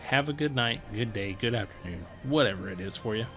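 A man's voice: mid-range voice, expressive, brisk, over music. A tired young man giving casual, rambling voice-over commentary on his gameplay video, chuckling now and then. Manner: rambling, easygoing, chuckles often. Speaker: gaming channel host and streamer.

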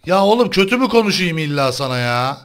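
A young man chatting casually while playing a game, excitable and quick to complain to his viewers. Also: fairly high pitch. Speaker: gaming channel host. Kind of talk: casual gameplay chat.

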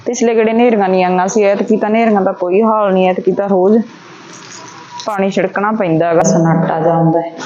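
A home vlogger chats casually to her viewers at home, in the kitchen and on an outdoor upper level, exclaiming and repeating phrases for emphasis. Her voice is medium-pitched, steady and dark, a little fast. The recording sounds dull and lo-fi with faint noise.

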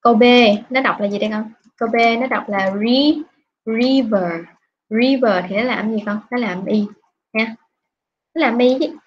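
A woman's voice: fairly high pitch, slightly rough. A woman English teacher from Vietnam, patiently questioning students in an online class over a video call. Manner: patient, questioning, drawn-out prompts. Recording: dull lo-fi online class audio.

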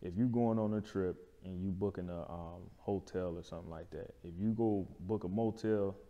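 Speaking at normal speed with a low, steady voice, this man is a barbershop owner appearing as an interview guest. His explanations are colloquial and casual, with frequent check-ins with the listener. The lapel-mic recording from an indoor lounge-style studio sounds phone-quality and echoey.

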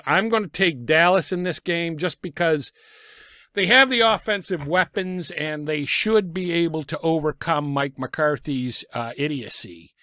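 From a small home room lined with sports memorabilia, a middle-aged sports picks vlogger talks into his desk mic, casually handing out football picks with blunt sarcasm toward teams and coaches. A lingering cough leaves him raspy, and his voice is a little high and a bit bright. The audio is clean, studio-grade, with no echo.

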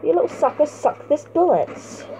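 A young woman giving playful, excitable let's play commentary and talking back at the game as she plays. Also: high voice, normal speed. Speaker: gaming channel host. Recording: tinny phone-like mic sound.

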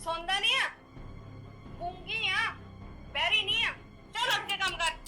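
A woman's voice: extremely high pitch, unhurried, sharp tone, roomy sound, faint music behind, heavily acted. A woman playing a young wife who bullies her mute sister-in-law, then begs forgiveness. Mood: bossy. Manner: defensive and bossy, then pleading. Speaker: daughter-in-law. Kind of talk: amateur family drama acting.

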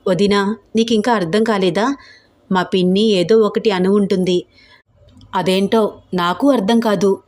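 A woman voicing a frank, lively young woman who reassures her sister-in-law. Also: medium pitch, unhurried, pauses often, close to an everyday voice.

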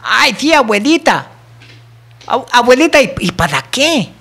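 A woman voicing an excitable little boy puppet who whines and sighs "ay" constantly while talking to his teacher. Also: a little high, a little slow, husky, full character voice. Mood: eager. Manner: whiny, breathless, full of "ay" and "profe".

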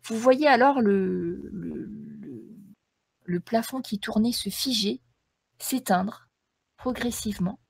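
A woman runs a tabletop role-playing game as game master, describing scenes like a storyteller. Her voice sits fairly high and the sound is close and dry. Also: a little slow, vocal fry, a little mellow, slightly rough, no echo.

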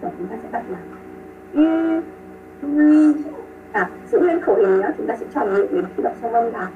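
A woman's voice: mid-range voice, animated, fast, distant mic. Woman, pronunciation teacher on a video call. Repeats and models sounds, praises students. Tinny phone-like audio with music under it. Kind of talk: online pronunciation lesson.

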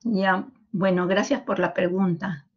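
A woman giving a university medical lecture, explaining calmly and tagging her sentences with a questioning "no". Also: medium pitch, a little slow, breathy edge, lo-fi sound. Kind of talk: university lecture over a call.

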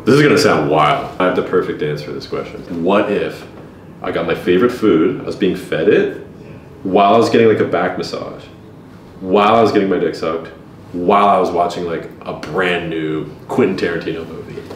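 A man's voice: sits low, brisk, recorded from a distance. A young man hosting a casual drinking-game chat, joking and crude, laughing often. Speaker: host. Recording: echoey room with faint noise.

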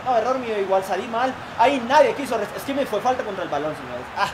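Colombian man, young, very high voice, excitable gameplay commentary, shouts at the screen, noisy background. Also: quick pace, a crowd in the background. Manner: excitable, shouts and groans at the game. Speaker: gaming YouTuber.

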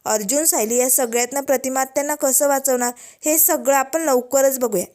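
A woman narrating a recap of a TV serial episode in a dramatic, steady way. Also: high voice, a little fast.

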